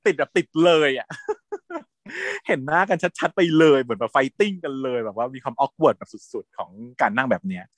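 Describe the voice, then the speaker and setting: A man's voice: mid-range voice, big pitch swings, a little fast, no echo. A man in casual chat who animatedly retells a TV series, laughing often and acting out quotes.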